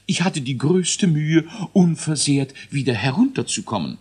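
A fussy know-it-all dwarf inventor, put on by a man reading a storybook, pitched far above the reader's own voice and jumping about. He hems and stammers nervously, with a husky edge. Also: lively intonation, moderate pace, a little mellow. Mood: whiny.

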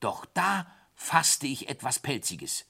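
A man narrating a children's story in the first person, with animated, dramatic delivery. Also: mid-range voice, takes it slowly, gravelly, husky.

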